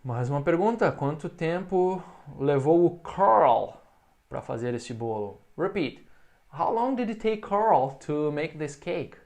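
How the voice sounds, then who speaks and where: Man teaching English, slow repeated phrases. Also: on the high side, animated, a little mellow. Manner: explains in Portuguese, models English phrases slowly for repetition. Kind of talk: recorded online English lesson.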